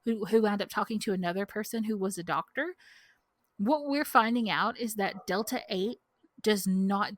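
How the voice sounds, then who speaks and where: A young woman, co-hosting a podcast and telling a story in casual chat, animated and full of "like", acting out what people said. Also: medium pitch, normal speed, no echo. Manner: animated, heavy use of "like", acts out quotes. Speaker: podcast co-host. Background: dog barking outside.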